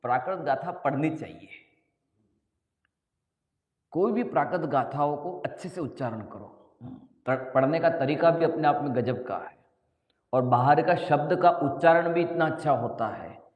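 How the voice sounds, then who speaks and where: A man teaching scripture in a sermon, questioning his listeners and slowly chanting verses. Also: a little high, animated, lo-fi sound. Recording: echoey hall, long reverb.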